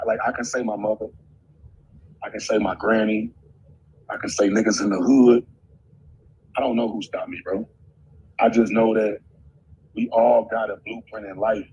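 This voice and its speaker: Middle-aged man, low-pitched, raw emotional storyteller, swears a lot; muffled audio with faint noise behind. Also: darkish tone. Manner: intense, emotional, heavy swearing. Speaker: guest telling a personal story.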